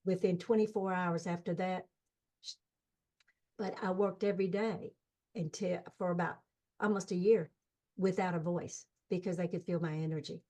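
Older lady telling her near-death story, mellow warm voice, gets fired up and emphatic. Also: on the low side, normal speed, pauses often. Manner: fervent, animated, emphatic. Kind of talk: earnest spiritual storytelling.

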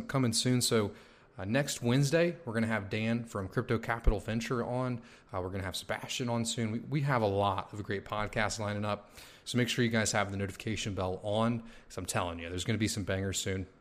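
Casual podcast host, lowish male voice. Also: a little fast. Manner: relaxed, filler-heavy talk with many "you know"s. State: sore mouth from a tooth coming in.

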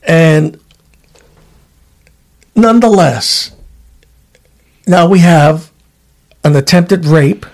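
A man hosting a podcast, a former state trooper telling work stories in a casual, animated way and acting out the people in them. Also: fairly high pitch, very slow, pauses often. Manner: animated, acts out voices in his stories. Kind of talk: casual storytelling chat.

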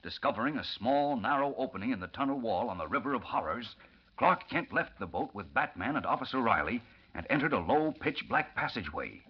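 A man's voice: medium pitch, big pitch swings, fairly quick, slightly rough. A man performing as an old radio announcer, narrating an adventure serial in a theatrical, dramatic style. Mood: suspenseful. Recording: dull vintage radio recording, faint noise.

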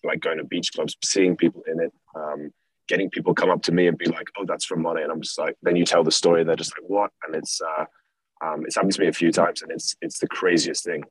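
A young man from England with an extremely deep, low voice talks in an even, flat tone. He rambles easily through a casual interview, full of "um" and "you know". The sound is dry and close. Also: quick pace, slightly rough, no room sound, poor audio. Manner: relaxed, rambling with many fillers. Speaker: guest, clothing brand founder.

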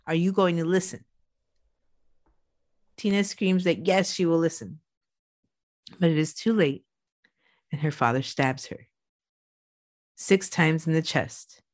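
Brief: woman, lowish voice, casual true crime podcast storyteller. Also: measured pace, pauses often, no echo. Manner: loose and chatty, with swearing.

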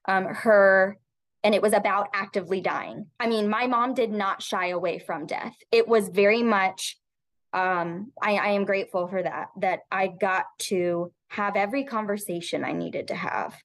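A woman's voice: mid-range voice, normal speed. A woman in her thirties, a podcast guest telling a personal story, speaking reflectively with frequent restarts and filler words.

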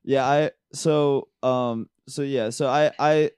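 A man co-hosting a podcast in casual chat, rambling with deadpan jokes. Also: medium pitch, slow pace, clean tone, no room sound, clean studio sound. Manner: rambling, deadpan joking, frequent fillers. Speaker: podcast co-host.

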